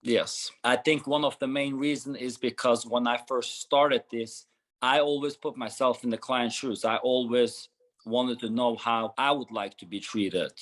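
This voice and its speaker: A man's voice: medium pitch, steady tone, unhurried, a bit bright, low-quality recording. A man in his thirties from Norway, a gym founder answering interview questions earnestly with frequent restarts. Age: 30s.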